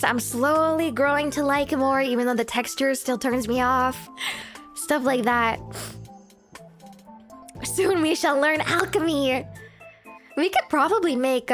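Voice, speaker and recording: A woman with a high voice chats casually to her livestream viewers. Her delivery is cute and giggly, in the manner of an anime streamer. Music plays behind her. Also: fairly bright tone. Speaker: livestream host.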